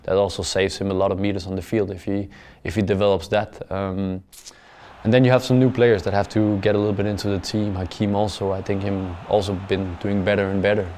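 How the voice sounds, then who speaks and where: A young football player, low-voiced and flat in delivery, responds to post-match interview questions in careful English with little rise or fall in pitch. He's halting, repeating words and filling gaps with "uh," measured and plain, his sentences fading out quietly. Slight background noise is audible.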